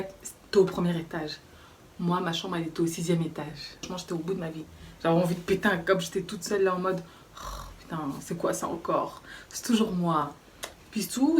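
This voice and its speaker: Young woman, casual storytime vlog, chatty and expressive, lowish voice, slightly distant mic. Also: a little hiss or hum. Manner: chatty, animated, acts out the people in her story. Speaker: YouTuber telling a story.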